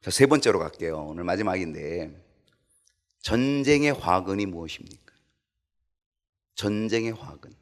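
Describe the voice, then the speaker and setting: A man preaching a sermon as pastor in a church, animated and acting out quoted voices. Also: low voice, a little slow, long pauses.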